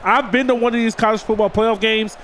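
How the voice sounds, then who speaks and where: Stuffed up with a cold, this high-voiced gaming creator narrates a football video game a little fast, chatting to his audience as "boys." He gets fired up whenever a big play happens. Constant background hiss is audible throughout.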